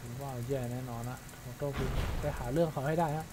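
A man's voice: medium pitch, fairly even intonation, quick pace, heavy background noise. A man giving casual let's-play commentary, chatty, repeating words and exclaiming when startled. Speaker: gameplay streamer.

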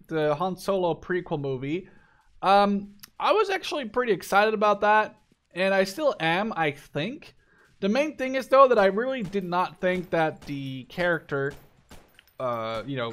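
With a high, fairly bright voice, a Canadian gaming video creator in his twenties offers casual, unscripted commentary on his gameplay. He wanders from point to point, swears freely and shares his views.

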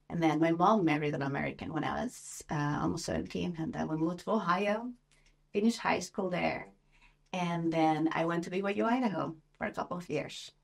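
Woman from Argentina, gravelly low voice. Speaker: guest. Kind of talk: casual roundtable chat. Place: sitting room with other guests.

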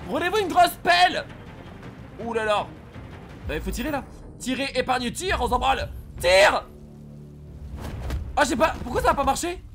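Excitable high-voiced male gamer. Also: moderate pace, creaky, long pauses, music in the background. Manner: excitable, shouting at the game. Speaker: streamer. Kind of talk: live gameplay commentary.

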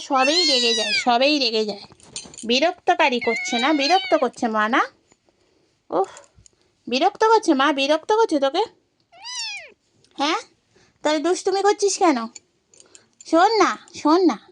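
Speaking in a high voice over slight background noise, a woman who vlogs about her pets casually talks to her cats and the audience, teasing and coaxing them.

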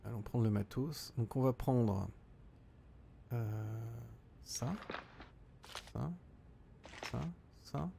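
A man's voice: mid-range voice, extremely slow, vocal fry, long pauses, warm tone, slight background noise. A middle-aged man streaming a game live, reading out chat and thinking aloud with frequent hesitations.

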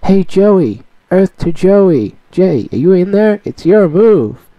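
A chirpy, squeaky teenage card-game hero, played by a man in a homemade comic redub. The voice sits high and bright. It is recorded dry and close, with no room sound. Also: very animated, takes it slowly, no room sound, lo-fi sound, exaggerated voice.

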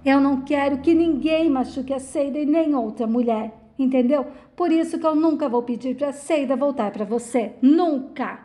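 A woman voicing a defiant, gravely ill woman, read quickly and plainly. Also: sits high, dark tone, faint music behind, natural voice.

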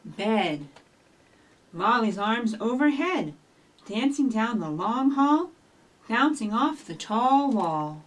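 A middle-aged children's librarian hosting storytime speaks slowly, her slightly high voice making big pitch swings. She addresses young children directly and encouragingly as she talks and reads aloud. A distant microphone captures her in a small office with shelves.

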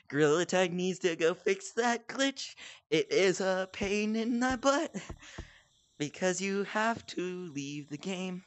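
A young woman streaming a game, chatting casually, shouting and half-singing as she plays. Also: fairly low pitch, no echo. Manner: excitable, shouts and half-sings while playing. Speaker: gaming streamer. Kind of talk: casual gameplay commentary.

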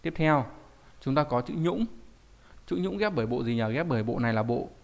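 A man's voice: mid-range voice, lively intonation, a little fast, creaky. A man giving a recorded online lesson as a Japanese teacher, explaining patiently and often stopping to ask rhetorical check questions.

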